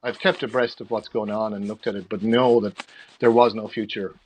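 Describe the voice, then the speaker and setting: A man's voice: on the low side, fairly even intonation, brisk, a little mellow, slight background noise, low-quality recording. A middle-aged man with an Irish accent, answering interview questions in a conversational, rambling way, often repeating words as he explains. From Galway, Ireland. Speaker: interview guest, freelance theatre production manager.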